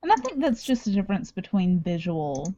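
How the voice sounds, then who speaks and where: A woman on a casual book podcast talks with gushing enthusiasm, her pitch rising and falling widely. The sound is dry and a bit lo-fi, with little room tone. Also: big pitch swings, fairly quick, warm tone, no echo. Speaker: podcast co-host. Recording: dry, slightly lo-fi podcast audio.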